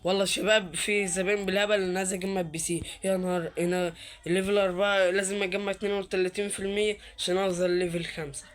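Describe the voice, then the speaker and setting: A man with an Egyptian Arabic accent doing casual gameplay commentary. He is chatty and excitable, talks straight to his viewers, and repeats words under his breath while he searches. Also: high-pitched, rapid-fire. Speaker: gaming YouTuber.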